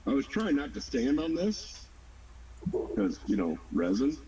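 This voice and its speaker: A man's voice: mid-range voice, wildly swooping pitch, unhurried, dark tone, highs cut off. A man chatting casually as a podcast co-host. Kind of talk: casual chat. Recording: distant mic, faint background noise.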